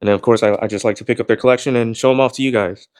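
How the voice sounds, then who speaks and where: A man talks casually to his camera in a loose, rambling way, dropping the odd swear word. His voice sits at an ordinary middle pitch and he calls it monotone himself. The sound is dry and close, with no room echo. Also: racing. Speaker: gym vlogger.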